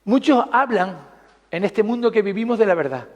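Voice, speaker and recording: A man's voice: high voice, lively intonation, normal speed, in a large hall. A man preaching a sermon, conversational and putting questions to the congregation.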